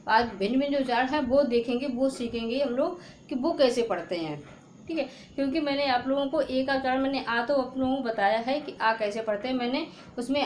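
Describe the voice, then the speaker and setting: High-voiced woman teaching in an echoey room. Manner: repetitive, asks and answers her own questions. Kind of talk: classroom-style lesson to children. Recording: echoey room, faint hiss.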